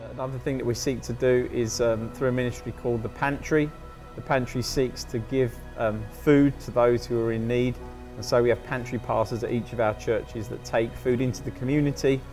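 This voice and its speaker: Man, church leader, steady explainer, soft music under. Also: medium pitch, moderate pace. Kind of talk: documentary interview.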